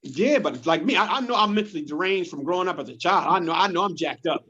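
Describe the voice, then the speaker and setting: A man who is a comedian, chatting casually on a podcast and telling animated stories, often repeating words as he goes. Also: sits high, quick pace, husky. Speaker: comedian guest. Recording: dull lo-fi sound.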